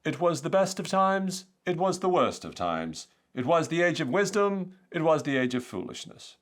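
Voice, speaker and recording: A man's voice: on the high side, big pitch swings, moderate pace, pitched above the performer's own voice. A man putting on a theatrical, plummy old English voice as a stately novelist.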